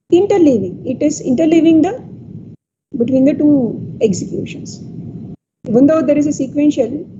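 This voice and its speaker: A woman with an Indian English accent teaches a technical class in a high voice, pausing often on fillers and checking in with "okay" and "right". The audio is dull and lo-fi, with steady noise clearly audible behind her. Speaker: lecturer. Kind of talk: technical lecture.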